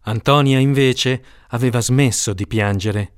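A man narrates an audiobook with a steady, expressive delivery. His voice sits in a middle register and sounds close and dry, with no room around it. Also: mid-range voice, unhurried, clean tone, no room sound.

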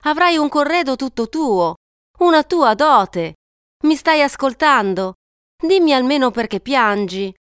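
A woman's voice: on the low side, unhurried, hardly any pauses, clear, resonant tone, no room sound, studio quality, close to an everyday voice. A woman playing a kindly, childless peasant wife who soothes and coaxes a crying girl in an audiobook. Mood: soothing. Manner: soothing, coaxing.

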